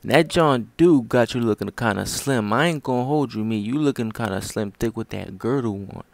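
A man's voice: mid-range voice, normal speed, creaky, no room sound. A man hosting a comedy skit, talking in slang in a bossy, teasing way.

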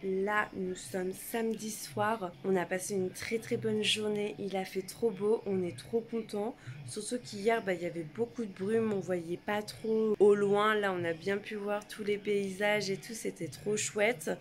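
A woman's voice: medium pitch, steady tone, a little slow, hardly any pauses. A young woman chatting casually as a vlogger, telling a story with lots of fillers, filmed on a phone held at arm's length indoors. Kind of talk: casual vlog chat. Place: rental flat indoors and car.

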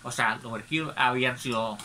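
A man's voice: medium pitch, fairly quick, bright, forceful tone, slight background noise. A man with a Mexican accent telling a personal anecdote in a casual, gossipy way, constantly tagging his phrases with little questioning asides. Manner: chatty, tags nearly every phrase with a questioning aside. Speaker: storyteller.

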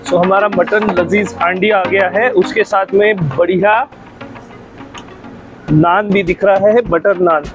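Indian guy food vlogging, eager, higher voice, lapel mic outdoors at a restaurant. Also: steady tone, slow, dull audio, over music. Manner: enthusiastic, mixes Hindi and English. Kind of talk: casual food vlog commentary. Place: open-air rooftop restaurant.

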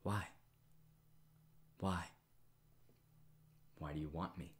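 An author voicing a weary, guarded woman executive in an audiobook, in a low, subdued manner. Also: fairly even intonation, extremely slow. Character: weary woman CEO resigning. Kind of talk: audiobook character reading.

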